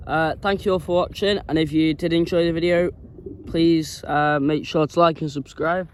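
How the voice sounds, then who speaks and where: A man hosts a plane spotting vlog in a casual way. His voice sits a bit high, with faint outdoor vehicle noise behind it. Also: steady tone, normal speed. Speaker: plane spotting video host.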